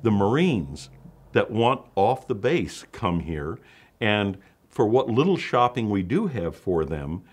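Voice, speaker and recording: A man's voice: lowish voice, sing-song, slow pace. A man speaking as a local official in a promotional interview, upbeat and boosterish.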